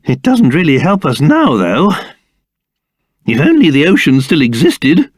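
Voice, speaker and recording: A pompous old video game king with a hugely animated delivery. He stretches his words slowly and theatrically, blustering like royalty one moment and doting like a fond father the next. The recording is close and dry. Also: on the high side, dry recording, heavily acted. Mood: musing, pompous.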